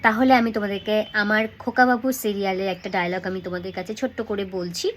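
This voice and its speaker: A young woman acting coach explaining dialogue delivery, talking fast and checking in with her students. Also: medium pitch, fairly even intonation, a little hiss or hum. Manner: speaks fast and checks in with "okay?", acts out dialogue lines softly as demonstrations. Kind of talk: acting lesson to camera.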